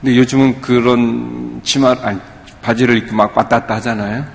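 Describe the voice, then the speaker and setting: Gravelly male pastor in echoey hall. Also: medium pitch, flat delivery. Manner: conversational, halting with many fillers. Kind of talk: sermon.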